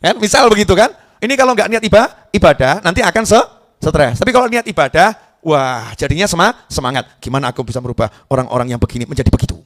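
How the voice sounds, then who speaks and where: A middle-aged male preacher, speaking in a fairly high voice. He jokes and chats easily with the crowd, breaking off words and rushing ahead in bursts. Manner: lively, joking, conversational. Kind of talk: sermon to a live audience.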